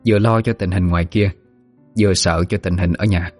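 A man narrates a ghost story in a very deep voice, telling it vividly. Faint music plays softly underneath. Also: fairly even intonation, a little fast.

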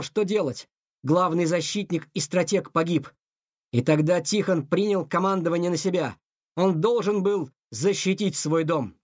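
A man narrating a children's adventure story in an expressive, dramatic reading. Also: a little high, no room sound, studio quality.

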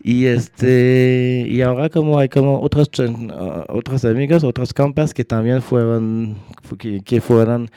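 Slow, halting man, mellow and clear. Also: medium pitch, steady tone, no room sound. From Guatemala, raised in Montreal. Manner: halting, with many restarts and searches for words. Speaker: guest. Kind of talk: personal account in an interview.

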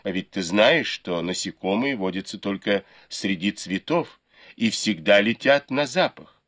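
A man's voice: fairly low pitch, animated, unhurried, fairly bright tone. A man voicing a cheerful young lady who teases her companion lightly. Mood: teasing, lively. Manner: light, teasing.

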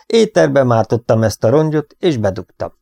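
A man's voice: mid-range voice, big pitch swings, creaky, warm tone, no room sound, pitched above the performer's own voice. A man reading the part of an easygoing, careless young man with a breezy, offhand way of talking, in a storybook reading.

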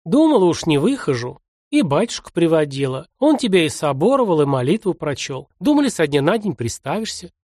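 A man's voice: fairly high pitch, very animated, brisk, darkish tone, no room sound, clean studio sound. A man reading aloud and voicing a tearful, fussing old village grandmother with a folksy, doting way of talking.

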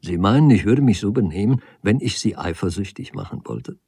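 A man reading the part of a brooding young stranger who answers quietly and in a subdued way. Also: expressive, a little fast, slightly rough, no room sound. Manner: quiet, subdued, low-key replies. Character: restless, brooding young stranger, humble and evasive.

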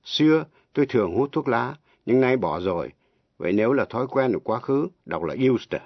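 A husky, low-pitched man teaching on the radio, moving slowly and spelling each word letter by letter. His pitch rises and falls a lot as he stresses syllables. The recording is dry and dull, like an old lo-fi broadcast. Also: animated, no room sound. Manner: slow, deliberate, spells words letter by letter. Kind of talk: slow radio language lesson.

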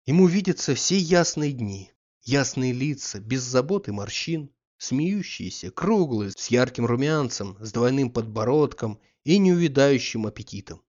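Brief: мужчина-чтец аудиокниги, размеренно и очень неспешно, голос средней высоты, звук глуховатый. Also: male voice, medium pitch. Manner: measured, even reading. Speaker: audiobook narrator. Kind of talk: scripted literary narration. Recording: slightly muffled audiobook recording.

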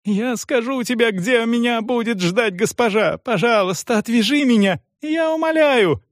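A male narrator voicing a desperate condemned woman who curses and begs in shrill cries. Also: animated, normal speed, no room sound, clean studio sound. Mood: pleading.

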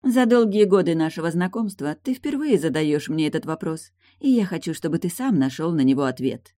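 A reader voicing a sharp-tongued young woman who teases in a languid, mocking way. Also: deep voice, lively intonation, normal speed, no echo, studio quality. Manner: teasing, languid.

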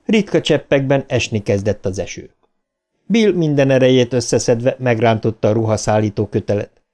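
A man reading a horror novel aloud as an audiobook narrator, measured and dramatic. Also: mid-range voice, animated, a little mellow. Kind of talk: scripted narration.

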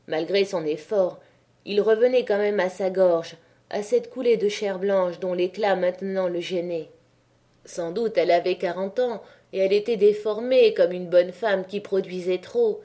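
A woman reads a classic novel aloud in a measured, even way. Her voice is warm and mellow, in a middle pitch. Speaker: audiobook narrator. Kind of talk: novel reading.

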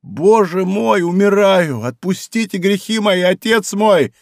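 A man voicing a frightened, dying executioner who speaks in hushed, halting words and then cries out for mercy. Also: mid-range voice, no room sound, studio quality. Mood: pleading.

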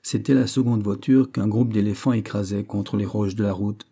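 A man narrating a classic adventure novel as an audiobook, in a steady, measured storytelling manner. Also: on the low side, creaky.

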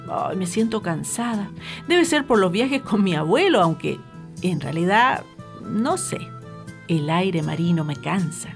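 A woman playing a curious, timid young girl in an audio drama, exclaiming and sighing in a wide-eyed manner. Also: mid-range voice. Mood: sleepy.

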